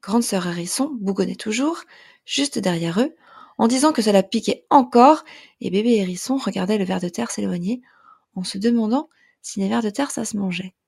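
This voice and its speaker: A woman narrating a children's storybook in a gentle, lilting way. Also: mid-range voice, normal speed, creaky, slightly rough. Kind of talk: storybook reading.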